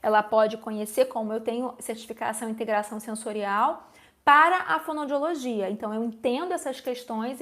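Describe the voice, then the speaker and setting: A woman, a speech therapist answering viewer questions in a live stream, explaining step by step and often checking in with listeners. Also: fairly high pitch.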